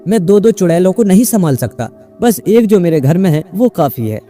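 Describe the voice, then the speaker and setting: A man's voice: sits high, very animated, dark tone, faint music behind, pitched above the performer's own voice. A man playing a jittery, stammering old mullah. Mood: flustered. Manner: stammering and flustered.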